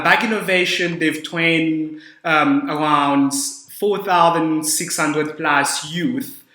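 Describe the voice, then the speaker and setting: Bright-voiced young podcast host, echoey. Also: male voice, on the high side. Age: young adult. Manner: hesitant, repeats words, many fillers. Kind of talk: podcast interview. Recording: echoey room.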